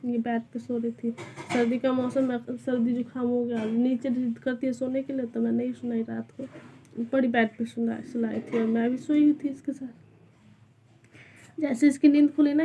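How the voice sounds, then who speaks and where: A young woman with a high, fairly flat voice and a mellow, soft tone, chatting casually in a home vlog. She sounds shaken as she talks it through, and there is faint noise behind her. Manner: anxious, retelling a scare. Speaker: vlogger. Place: small rented room at home.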